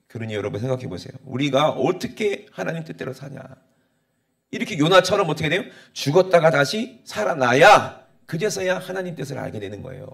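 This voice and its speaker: A man's voice: medium pitch, creaky, fairly bright tone. A male pastor from Busan preaching a sermon, with a Gyeongsang accent. He talks conversationally to the congregation, prompting responses and acting out the characters' lines with rising intensity. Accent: Busan Gyeongsang dialect.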